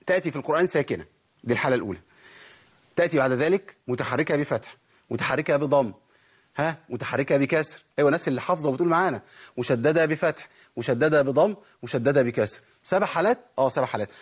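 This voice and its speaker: Egyptian tajweed teacher, male, quick and husky, slightly high, quizzes himself aloud as he goes. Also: animated. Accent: Egyptian Arabic. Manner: explains by asking and answering his own questions, demonstrates sounds. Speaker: Quran recitation teacher. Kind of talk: tajweed lesson.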